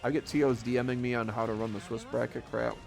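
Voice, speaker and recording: Gravelly male esports commentator. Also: mid-range voice, fairly even intonation, fast, soft background music. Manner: rambling, chuckles often, self-deprecating. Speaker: tournament commentator. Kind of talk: casual live esports commentary.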